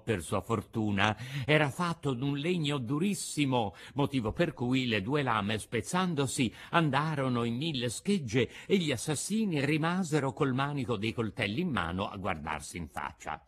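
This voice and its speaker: A man narrating a classic tale in a theatrical, highly expressive reading. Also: husky.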